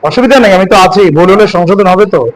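A man's voice: sits high, racing, slight background noise, poor audio. A man teaching Quran reading in a classroom lesson, asking questions and answering them himself, drawing out words as he recites. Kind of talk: classroom lesson on Arabic letters.

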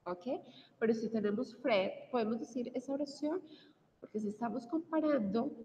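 A woman with a Colombian Spanish accent teaching an English grammar class, explaining step by step, switching between Spanish and English and slowing down to read example sentences. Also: fairly high pitch, mellow. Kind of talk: bilingual video class lecture. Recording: distant mic in a reverberant room, dull sound, faint noise.

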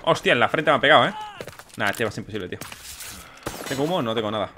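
A young man doing let's play commentary, excitable and swearing as he plays. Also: mid-range voice, racing, background noise. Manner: excitable, swears often, exclaims mid-game. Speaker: gaming YouTuber.

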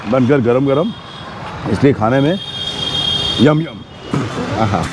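Out on bustling city streets, a food vlogger in his fifties narrates with chatty enthusiasm, dropping English words into Hindi. He speaks slowly and expressively at medium pitch into a lapel mic, with street noise and background music.

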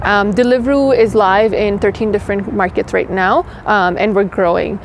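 A young engineering director, born in Pakistan and raised in Toronto, answers interview questions quickly and casually, peppering them with "like" and "you know." Her voice is medium-pitched with fairly even intonation. She's wearing a lapel mic in a leafy city garden courtyard, with traffic humming faintly in the background.

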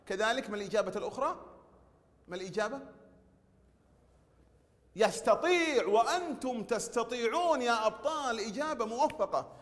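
A man teaching a recorded language lesson, drawing out words slowly and praising the pupils. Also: very high voice, expressive. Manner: slow drawn-out pronunciation drills with praise. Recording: long hall reverb.

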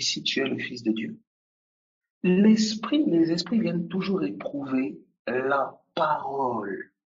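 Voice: mid-range voice, slightly rough, highs cut off. A preacher giving a sermon, emphatic and repetitive, speaking straight to the listeners. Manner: emphatic, addresses listeners directly and repeats key points.

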